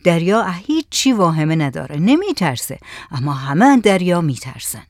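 A woman's voice: fairly low pitch, sing-song, a little mellow, no echo. A woman voicing a pensive, wary adult fisherman in a read-aloud story, musing in a dry, close voice.

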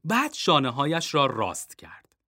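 Expressive man reading a children's story. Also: fairly high pitch. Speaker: narrator.

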